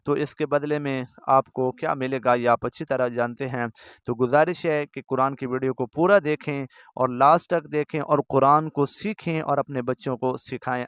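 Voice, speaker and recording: A man teaching Quran recitation, spelling out each letter and vowel mark before reciting the word slowly. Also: on the high side, fairly bright tone, clean tone, no echo, clean studio sound. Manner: quick, earnest spoken explanation between recited words. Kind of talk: step-by-step recitation lesson.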